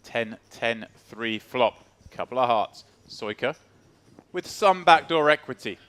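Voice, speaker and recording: A man's voice: medium pitch, animated, slow, fairly bright tone. A man doing live poker tournament commentary, narrating the action in short dramatic phrases over music.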